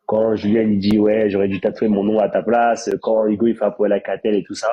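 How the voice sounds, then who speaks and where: A man's voice: lowish voice, level tone, a little fast, husky, lo-fi sound. A young man with a congested, blocked-nose voice, chatting casually on a live stream and explaining himself emphatically with repeated rhetorical questions. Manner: repetitive, emphatic self-justification with rhetorical questions. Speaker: live-stream host, reality show participant.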